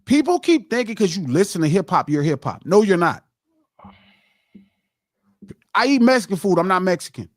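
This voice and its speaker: In a heated podcast debate, a male host with a high, widely swinging, sing-song voice drives his point home like a preacher, repeating lines for weight. He speaks quickly and emphatically, and the close, dry sound carries no echo or room.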